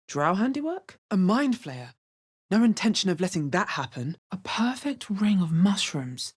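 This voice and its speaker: For video game voice lines, a woman plays a wry, resolute, watchful adventurer heroine, delivering them in a measured, understated way. Her voice is deep and husky, a little mellow and sing-song.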